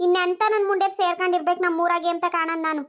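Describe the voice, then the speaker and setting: A performer doing a squeaky, fast-talking nagging village granny. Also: little pitch movement, fairly bright tone. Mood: scolding. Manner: scolding, grumbling to herself. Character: nagging old village grandmother, scolding and suspicious. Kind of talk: cartoon voice acting.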